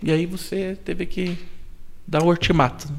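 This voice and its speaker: An interviewer with a mid-range voice keeps a casual conversation moving. They react with quick interjections and ask follow-up questions. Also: mid-range voice, little pitch movement, gravelly.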